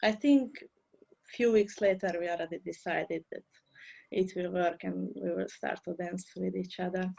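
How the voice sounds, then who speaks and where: A woman's voice: fairly low pitch, fairly even intonation, normal speed, creaky, mellow, slightly rough, muffled recording. A woman, a dancer, answering interview questions in careful, English. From Hungary. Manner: speaks careful non-native English.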